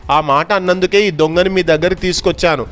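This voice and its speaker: A man doing Nandigupta, a loud accusing merchant. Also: sits high, fairly even intonation, quick pace, faint music behind, pitched above the performer's own voice. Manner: shouting accusations, insistent. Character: scheming middle-aged male merchant, loud and accusing.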